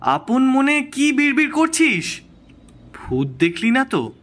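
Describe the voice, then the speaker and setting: An eager young friend in an audio drama, always joking. His voice is high and bright, with lively pitch movement. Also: slow pace, full character voice. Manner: jokey, eager. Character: jovial young man teasing his friend.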